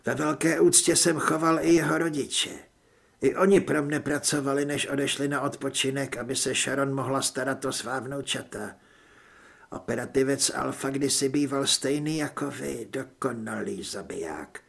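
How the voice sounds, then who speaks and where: Here a man performs a chilly, smiling official in government, courteous yet softly menacing. The voice sits in the middle range and has a husky quality.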